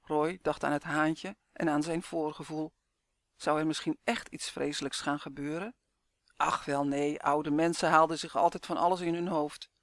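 A man narrates a storybook clearly and evenly, with a slightly high voice for his sex. The sound is dry and close, with no room echo. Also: level tone, moderate pace, fairly bright tone. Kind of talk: storybook reading.

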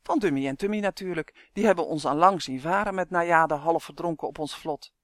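A man voicing a cheeky, excitable little male elf in an audiobook, with a shrill, chattering delivery. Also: fairly quick, no room sound, clean studio sound, lightly acted. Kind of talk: audiobook character voice.

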